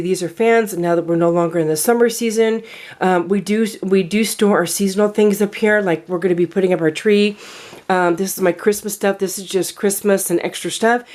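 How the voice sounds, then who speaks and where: A woman's voice: medium pitch, a little mellow. A woman vlogging casually from a home storage room, chatty and rambling with many fillers. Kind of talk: casual vlog talk.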